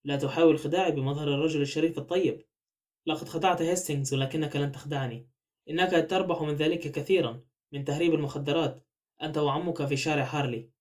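A man voicing a calm, shrewd older detective in an audiobook, quietly assured. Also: fairly high pitch, fast talker, close to an everyday voice. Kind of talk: audiobook character voice.

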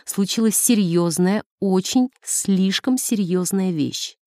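A woman's voice: mid-range voice, slow, warm tone, dry recording, studio quality, natural voice. A woman voicing a pale, agitated nun who pleads urgently and hisses with prim indignation, as in an audiobook. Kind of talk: audiobook character voice.

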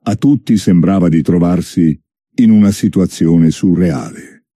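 A man reading a story as narrator, in a measured, deliberate way. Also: low-pitched, mellow, no echo, clean studio sound.

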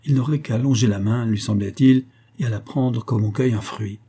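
A man reading a classic novel aloud in a steady, measured narration. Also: mid-range voice, husky. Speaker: audiobook narrator.

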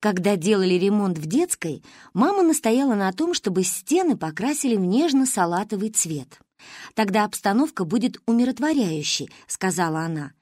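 A woman narrating an audiobook in a lively, expressive storytelling manner. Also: mid-range voice, moderate pace, no room sound, clean studio sound.

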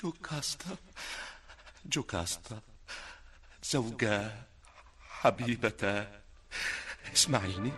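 A man's voice: medium pitch, bright, forceful tone. An actor playing the anguished tragic king Oedipus in a classic radio drama, with declamatory cries and pleas.

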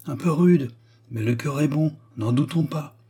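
A man reading aloud voices a mild old village pastor who murmurs gently. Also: on the high side, a little slow, husky, pitched above the performer's own voice. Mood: musing.

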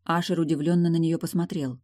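Low-voiced woman narrating a novel. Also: fairly even intonation, brisk, warm tone, no room sound, studio quality. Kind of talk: audiobook narration.

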